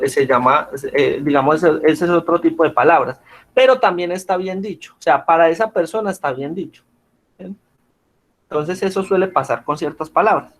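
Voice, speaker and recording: A man leads an online class, his voice sitting a little high for a man. He explains each point patiently and keeps asking whether his students follow. The sound comes through a video call. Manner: patient, checks in with frequent questions. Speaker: teacher.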